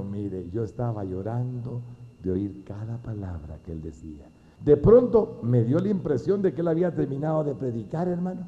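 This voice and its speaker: A man giving a testimony as a preacher, swinging between hushed and loud emotional speech. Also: mid-range voice. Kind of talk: sermon testimony. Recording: dull lo-fi recording.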